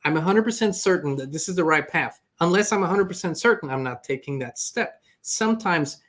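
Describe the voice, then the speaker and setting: A man's voice: a little high, animated, brisk, a bit bright. A man hosting an earnest, reflective spiritual motivational talk. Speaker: host.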